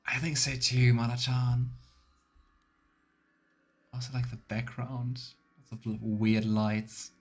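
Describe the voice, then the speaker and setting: During a casual let's play, a man thinks aloud and reacts to the game in a mid-range voice, with a flat delivery, slow pace and long pauses. Faint game music plays in the background.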